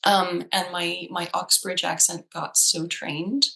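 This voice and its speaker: A woman with an accent that drifts between American and British, chatting casually with many halting restarts. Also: on the low side, little pitch movement, vocal fry, pushed and bright, low-quality recording. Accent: shifting mix of American and British. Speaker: co-host. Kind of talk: casual chat.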